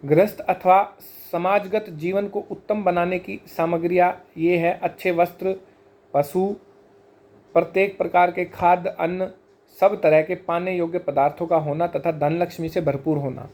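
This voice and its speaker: A man giving an explanatory scripture lesson, measured, slowing down to spell out sacred terms one by one. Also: sits high, level tone, a little mellow. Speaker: teacher of Vedic scripture.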